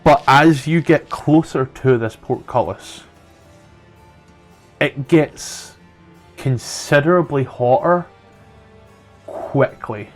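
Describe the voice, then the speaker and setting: A Scottish man running a tabletop game with a relaxed, rambling way of describing things. His pitch sits in an ordinary middle range for a man. Soft music plays faintly behind him. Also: slow, pauses often. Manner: rambling, laid-back, chatty descriptions. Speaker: game master. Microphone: own microphone.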